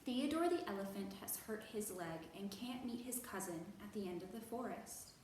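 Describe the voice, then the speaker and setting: A woman with a medium-pitched, expressive, somewhat dark voice hosts a children's library storytime, encouraging young viewers and slowly drawing out key words in an exaggerated way. The room is very echoey, the mic is distant, and there is faint noise.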